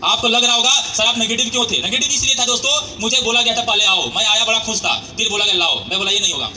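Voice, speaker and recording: Guy doing a motivational talk in a hall, super high bright voice, talks fast and acts out all the dialogue. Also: a little hiss or hum. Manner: animated, acts out quoted dialogue, calls out to the crowd. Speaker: motivational speaker at a sales meeting. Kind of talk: storytelling speech to a live audience. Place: large hall with audience.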